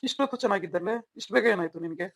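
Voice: mid-range voice, very fast, no echo, lightly acted. A performer voicing a devoted young husband in an audio drama who keeps coaxing with questioning hums and then snaps in anger. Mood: pleading. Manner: coaxing, repeats questioning "hmm?". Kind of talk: amateur Kannada audio drama.

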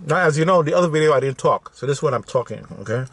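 A man in his forties chatting casually to camera in a food video, talking between bites as he eats crispy food inside a car. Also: on the high side, animated, fast, a bit bright. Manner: talking with mouth full between bites while eating crispy fish and chips. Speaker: food vlogger. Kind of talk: casual eating-show chat to camera. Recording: noisy in-car camera audio.

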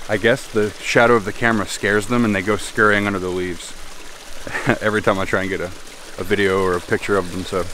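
A man's voice: lowish voice, a bit bright, slight background noise. A man in his thirties vlogging alone outdoors, talking to himself in a reflective, hesitant way, with the camera held at arm's length. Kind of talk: casual solo vlog narration. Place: outdoors in a forest by a stream.

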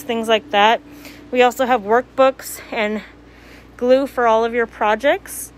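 A woman giving a casual shop tour as a store worker, her voice slightly muffled through a face mask. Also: on the high side. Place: small cluttered shop, indoors. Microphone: handheld phone.

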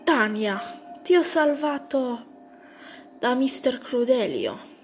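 A woman voicing a male mouse who has become a self-righteous killer, insisting he is a hero, slowly, over music. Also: high-pitched, expressive, slight background noise, pitched above the performer's own voice, full character voice. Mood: insistent. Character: male mouse brother turned deluded killer.

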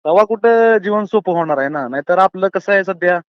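A man with a rural Maharashtrian accent chats on a phone call, earnestly philosophising in colloquial speech and repeatedly addressing his listener as brother in an opinionated monologue. His high voice is clear and resonant with lively intonation and a slightly fast pace, captured close and dry on a dull lo-fi line without room sound.

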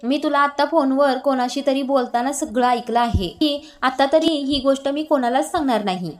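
A woman's voice: sits high, normal speed, natural voice. A woman voicing a caring young sister-in-law who keeps asking earnest, coaxing questions.

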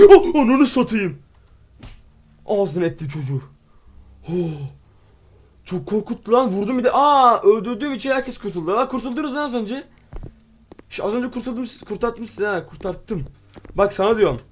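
A man hosting a gaming video, reacting excitedly, swearing playfully at the game and reading its text aloud as he plays. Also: high voice, moderate pace, pauses often. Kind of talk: let's play commentary.

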